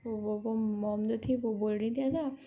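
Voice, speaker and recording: A woman's voice: a little high, steady tone, unhurried, warm tone, breathy edge. A woman voicing a shy, flustered young man in a retold fan story, stammering and hesitant.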